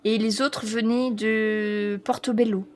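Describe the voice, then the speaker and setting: A woman running a tabletop role-playing game as game master, reading out a long list with many pauses and fillers, stumbling over foreign names. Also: fairly high pitch, fairly even intonation. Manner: reads foreign names haltingly.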